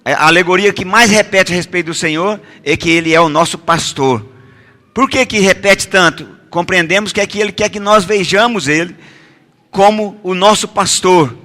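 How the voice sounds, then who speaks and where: A man preaches in a high, bright, forceful voice. He keeps calling for responses and builds up to loud, emphatic repeated declarations. His voice carries a long reverb from a church hall. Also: moderate pace. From Goiás, Brazil. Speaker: pastor. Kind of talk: sermon with call-and-response.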